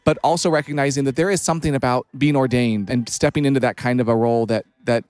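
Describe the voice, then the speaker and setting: A man's voice: medium pitch, fairly even intonation, quick pace, darkish tone, clean tone, no room sound. A man hosting an interview, asking questions in an encouraging, affirming way. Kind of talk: podcast interview.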